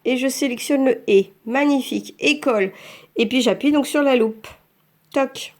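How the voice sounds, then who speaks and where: A woman teaching French learners, patiently talking through each step of using a phone app. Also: sits high. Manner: slow, patient, narrates each tap aloud. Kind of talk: screen-by-screen app tutorial for learners.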